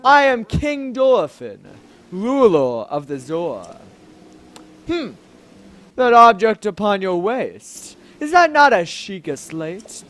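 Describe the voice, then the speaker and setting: A man voicing a stately, kindly king of a fish folk, reading slowly and formally. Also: sits high, very animated, fairly bright tone, exaggerated voice. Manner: slow, formal, deliberate delivery.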